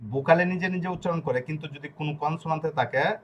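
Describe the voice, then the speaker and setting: Male language teacher, slightly high voice, slow syllable-by-syllable spelling on a video call. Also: muffled recording, very noisy. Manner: spells words out letter by letter, slow and deliberate; tells students to stay muted. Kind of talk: online class teaching pronunciation.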